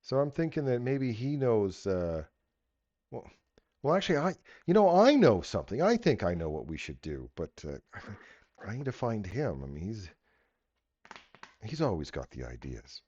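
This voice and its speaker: A gentle frost giant from a tabletop game, played by a man, big, simple and earnest. The voice is deep and booming and swings freely in pitch as it gropes for words in a plain, friendly way. The audio is dry and a little dull. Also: huge pitch swings, moderate pace, dry recording. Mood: friendly, uncertain. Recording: slightly dull, muffled audio.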